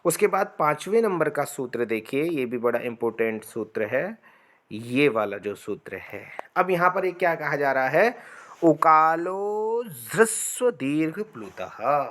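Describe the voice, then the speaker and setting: A man with a medium-pitched voice and lively intonation teaches Sanskrit grammar in a classroom lecture, explaining slowly and often checking in with "है ना" and "ठीक है." He chants the sutras, drawing out vowel lengths, and the sound is a bit bright.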